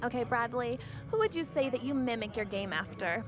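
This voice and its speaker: A woman with a slightly high voice works as a sports interviewer. She puts her questions in a conversational way. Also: expressive, brisk, over music.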